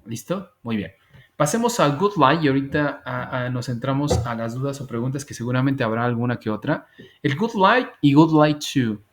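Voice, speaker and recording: A man teaching an English grammar class over a video call, patiently repeating example phrases slowly. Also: mid-range voice, expressive. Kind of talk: online class explanation.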